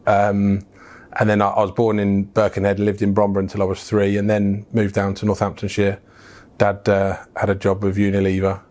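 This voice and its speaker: A middle-aged businessman from England, guesting on an interview, recounts his life story frankly and casually. His voice is fairly low and darkish in tone. He founded a business, and his speech is full of fillers and restarts.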